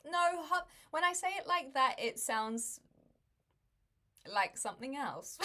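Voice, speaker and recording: A woman's voice: high voice, expressive, slow, bright, forceful tone. A woman, chatting casually with viewers on a livestream, laughing often and making wry asides. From New Zealand. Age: 20s.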